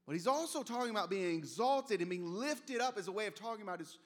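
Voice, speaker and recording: A man's voice: sits high, lively intonation, fast talker, a bit bright. A man preaching a sermon as pastor, conversational and storytelling, with casual asides. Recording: long reverb of a large hall.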